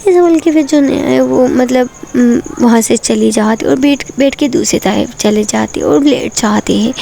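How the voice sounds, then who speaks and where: Woman narrating a love story, high voice with a gravelly edge, dark tone. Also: a little hiss or hum. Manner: plain, unhurried storytelling with fillers.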